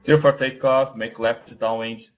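A man's voice: medium pitch, steady tone, measured pace. A man speaking as a pilot, making short radio calls and readbacks. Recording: dull lo-fi radio audio.

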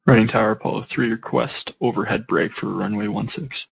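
A man with a gravelly, husky voice making pilot calls on air traffic control radio. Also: fairly even intonation, fairly quick. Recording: muffled low-fidelity radio audio.

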